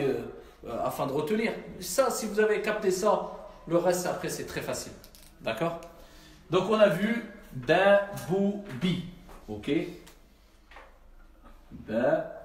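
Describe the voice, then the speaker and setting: A man teaching a class, patient and repetitive, often checking that his students have understood. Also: high-pitched. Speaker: Arabic teacher. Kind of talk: classroom lesson. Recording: echoey room.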